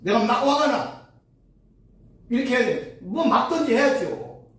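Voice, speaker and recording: A woman's voice: fairly high pitch, big pitch swings, unhurried. A woman theology professor giving an emphatic, sermon-like Bible lecture full of repetition and rhetorical questions, recorded in an echoey room from a distance. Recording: echoey room, far from mic.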